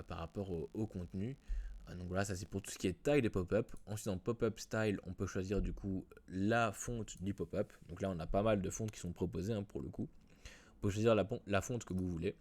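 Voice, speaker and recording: A man walks through a software tutorial in a casual way, with many fillers and restarts. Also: sits low. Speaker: WordPress tutorial host. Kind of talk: screen-recorded software tutorial.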